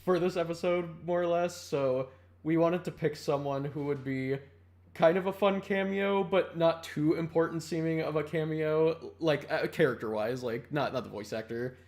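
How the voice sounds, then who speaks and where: A man's voice: on the high side, moderate pace, a little mellow. A man on a group call casually explaining a studio decision, with lots of fillers. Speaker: animation studio team member.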